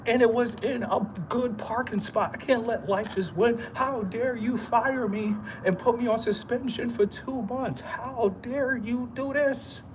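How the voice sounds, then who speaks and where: A man's voice: extremely high pitch, a little slow, hardly any pauses, background noise. A man giving a rambling motivational monologue in streetwise slang, repeating himself often and laughing into his words. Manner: repetitive, emphatic, streetwise slang. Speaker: vlogger.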